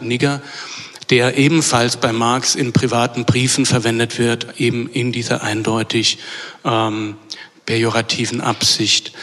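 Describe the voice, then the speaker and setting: A man giving an academic lecture in a measured way, often hesitating with fillers and correcting himself. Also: mid-range voice, a bit bright. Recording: long reverb of a lecture hall.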